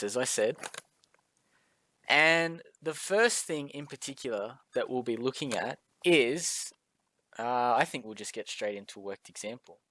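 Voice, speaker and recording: A man teaches a recorded maths lesson, talking casually and filling pauses with ums and uhs. His voice sits at an ordinary pitch, and the recording is dry and close with no room sound. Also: fairly bright tone, no room sound. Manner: casual, friendly, chatty with filler words.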